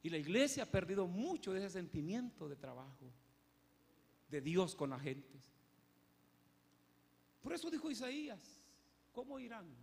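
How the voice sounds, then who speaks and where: A man's voice: high-pitched, big pitch swings, a little slow, gravelly, pauses often, darkish tone. A man preaching a sermon in a church, telling a story with emphasis and acting out its characters. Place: church hall. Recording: echoey church hall.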